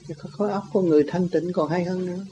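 A man's voice: high-pitched, fairly even intonation, rapid-fire, dark tone, a little hiss or hum, rough recording. A man giving an informal spiritual teaching, rambling and repeating himself, laughing now and then. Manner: rambling, repetitive, laughs often. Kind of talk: informal religious teaching talk.

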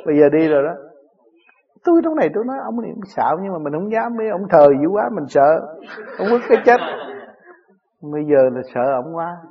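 A man's voice: a little high, very animated, fast talker, highs cut off, a crowd in the background. A man with a Southern Vietnamese accent, a spiritual teacher answering his disciples' questions in plain, chuckling stories. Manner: chuckling, plain-spoken storytelling.

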